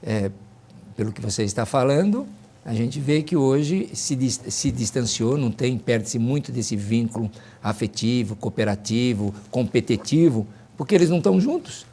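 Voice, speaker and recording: Male host, mellow voice, halting and reflective. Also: medium pitch, animated, slightly rough. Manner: thoughtful, halting, searching for words. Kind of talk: interview conversation.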